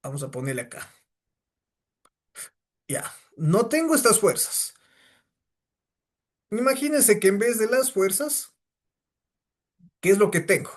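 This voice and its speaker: A man's voice: high-pitched, big pitch swings, slow, long pauses. A man teaching a physics class, lecturing and firing questions at his students. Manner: asks the class many rhetorical questions.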